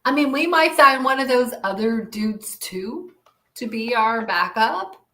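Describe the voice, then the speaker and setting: A woman's voice: fairly high pitch, animated, a little slow, bright, forceful tone. A woman co-hosting a podcast in casual sports chat, emphatic and playful with words. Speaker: podcast co-host. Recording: roomy echo.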